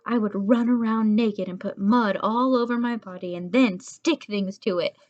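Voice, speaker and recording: A woman's voice: mid-range voice, normal speed, darkish tone, close to an everyday voice. A woman voicing a cheerful, clumsy little schoolboy who talks in a silly, eager way, from a slightly dull audiobook recording. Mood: goofy.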